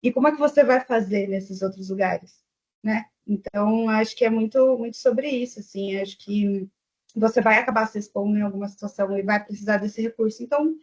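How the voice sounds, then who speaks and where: Heard over a video call with muffled, lo-fi sound, a woman from Brazil speaks in a mid-range voice with a breathy edge and a brisk pace. Her Brazilian Portuguese accent comes through as she chats on an online panel, thinking aloud and using fillers.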